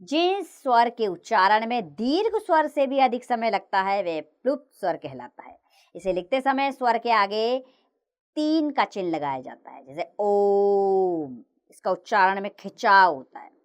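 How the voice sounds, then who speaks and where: A woman teacher narrating a grammar lesson for children, reciting the letters slowly and clearly. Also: on the high side. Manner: slow, clear recitation of letters with lively sing-song rises and falls.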